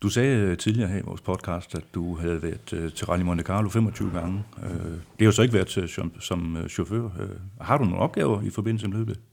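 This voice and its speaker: A man's voice: low voice, gravelly, few pauses, darkish tone, breathy edge. A man hosting a podcast, putting questions to his guest in an inquisitive, prompting way. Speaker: podcast host. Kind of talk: interview questions.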